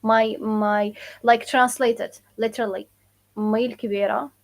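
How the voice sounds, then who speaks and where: Lady doing a live language lesson, kinda high voice, says words over and over for viewers. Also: steady tone. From Morocco. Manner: casual, repeats phrases slowly for learners; answers viewer questions. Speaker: Moroccan Arabic teacher.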